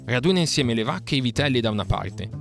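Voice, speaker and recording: A man's voice: medium pitch, expressive, fast, gravelly, over music, pitched above the performer's own voice. A man voicing a bold boy raised by wolves, giving urgent orders in an audiobook reading. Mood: commanding. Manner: urgent shouted commands.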